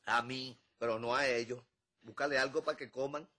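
An actor playing a comic, lazy husband recovering at home in a telenovela, with a whiny, joking manner. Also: male voice, mid-range voice, fairly even intonation, moderate pace, pushed and bright. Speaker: soap opera character. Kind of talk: telenovela comedy acting.

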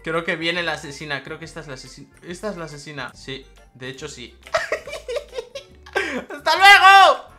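Young woman from Spain, animated gaming commentator, bright tense voice, shrieks then mutters. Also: deep voice, normal speed, pauses often, soft background music. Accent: Spain Spanish. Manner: excitable, bursts into loud shrieks between muttered asides. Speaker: gaming YouTuber. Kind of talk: live gameplay commentary.

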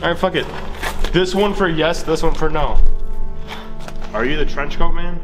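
A man's voice: a little high, moderate pace. A man talking casually and bluntly as he leads a ghost investigation for a vlog. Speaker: ghost-hunting vlogger. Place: large derelict indoor theatre. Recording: echoey hall, music over voice.

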